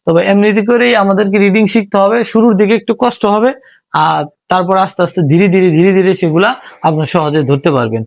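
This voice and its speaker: A man's voice: sits high, dry recording. A man teaching English reading, patiently sounding out words syllable by syllable. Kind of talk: spoken lesson.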